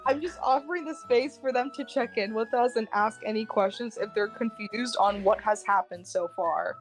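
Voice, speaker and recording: A young woman on a livestream talks casually about her game, circling her points with plenty of fillers. Her voice sits a little high, and faint music plays behind her. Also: normal speed. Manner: rambling, lots of fillers. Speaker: streamer and game writer.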